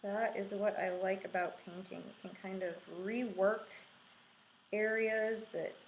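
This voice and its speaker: A woman in her thirties teaches a craft in a calm, reassuring way, at a slow, unhurried pace. Her voice sits at a middle pitch. The room is echoey, with faint noise behind her. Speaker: art instructor leading a craft and meditation tutorial. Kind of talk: instructional talk while demonstrating a craft. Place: small room indoors with a window.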